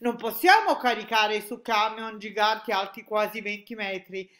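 A woman voicing a loud, indignant middle-aged army chief with a raised voice. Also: mid-range voice, moderate pace, voice pushed up, lightly acted. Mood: blustering.

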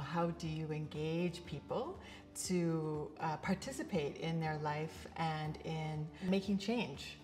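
A middle-aged woman introducing herself to the camera as a facilitator and coach, speaking in an earnest, reflective way from a studio set. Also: low voice. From Canada. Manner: earnest and reflective, speaks with open hand gestures. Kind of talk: scripted-sounding personal introduction to camera. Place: bright indoor studio set.

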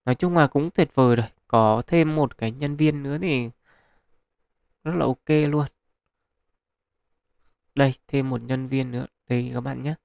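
A man with a mid-range, slightly mellow voice and some vocal fry hosts a gaming channel, voicing over screen capture of a mobile game. He speaks at normal speed, pausing often, in a casual, filler-heavy way, recorded close-miked with no echo.

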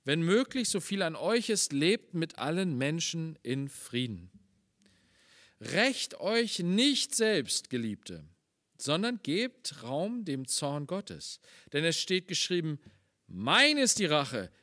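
A man preaches with a lively, swinging delivery, his pitch a little higher than usual for a man. He slows down to read scripture and presses points home with earnest emphasis. The sound is dry and close. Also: dry recording. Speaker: pastor. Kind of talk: sermon.

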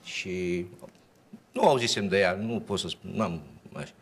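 A man, a musician guest on a TV show, telling a story with many pauses and fillers. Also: sits low, breathy edge. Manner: hesitant, halting storytelling. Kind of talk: casual interview chat. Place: TV studio.

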